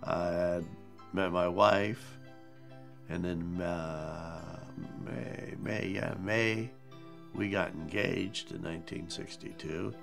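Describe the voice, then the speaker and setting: A man's voice: sits low, steady tone, takes it slowly, creaky, faint music behind. A man in his seventies from Ohio, telling his life story in a documentary interview in a matter-of-fact way. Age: 70s.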